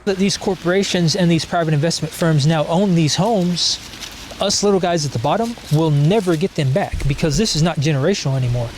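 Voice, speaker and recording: Higher-voiced man explaining steadily. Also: a little fast, slight background noise. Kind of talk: commentary clip.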